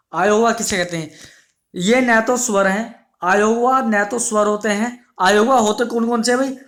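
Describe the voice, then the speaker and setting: A man's voice: high voice, a bit bright. A man teaching an exam-prep grammar lesson, asking questions and then answering them himself, repeating each definition and calling his students his dear children. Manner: repetitive, drills each definition slowly.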